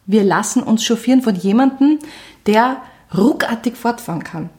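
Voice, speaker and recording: A playful woman with an Austrian German accent improvises a comedy bit with her podcast partner. Her voice sits a little higher than most women's, and she laughs readily and pushes back on every point. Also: animated, normal speed, darkish tone. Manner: playful, laughs often, eager to argue.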